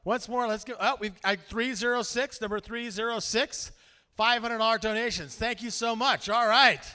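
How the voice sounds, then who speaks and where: A man working as auctioneer and emcee at a charity gala, energetically calling out bid levels and paddle numbers, sometimes in a rapid auctioneer chant. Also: extremely high pitch, steady tone, sharp tone, clean tone. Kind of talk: live fundraising auction calling. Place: large event hall with a live audience. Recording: long reverb of a large event hall.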